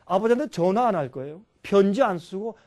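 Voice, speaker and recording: Middle-aged pastor guy preaching, pretty high voice, keeps quizzing the crowd and acting out the quotes. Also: expressive, a little fast, darkish tone. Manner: acts out quoted voices, asks the congregation questions. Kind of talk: sermon.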